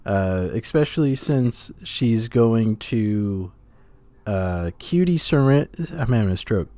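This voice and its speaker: A man's voice: fairly low pitch, animated, slow pace, warm tone, dry recording. A man co-hosting a podcast, chatting casually in a laid-back, gossipy way and laughing often. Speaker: podcast co-host.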